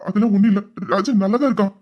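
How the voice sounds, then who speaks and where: A voice actor playing a guilty young friend who stammers while calming an old man. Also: medium pitch, racing, highs cut off, lightly acted. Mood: soothing. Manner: hesitant, stammering.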